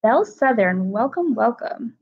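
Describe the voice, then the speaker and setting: A woman's voice: a little high, big pitch swings, normal speed, slightly rough. A woman hosting a casual livestream from home, chatting easily and greeting viewers by name from the chat. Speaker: livestream host. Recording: dull lo-fi livestream audio.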